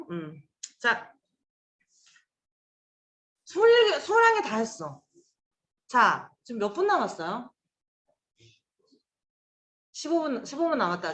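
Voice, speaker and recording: A woman's voice: a little high, fairly bright tone, echoey room. A woman teacher giving a casual Chinese pronunciation lesson, chatty and coaxing, drilling sounds aloud with her students.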